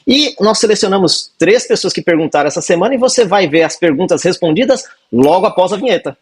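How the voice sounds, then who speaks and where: A man from Brazil hosting a casual video lesson, teaching English and repeating words slowly to model their pronunciation. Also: sits high, lively intonation, husky. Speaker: English teacher, channel host.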